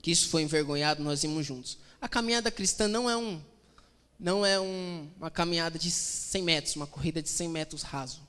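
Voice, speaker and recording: A man preaching a conversational, animated sermon, acting out quotes with humor. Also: on the high side, a little fast, clean tone, big-room sound. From Brazil.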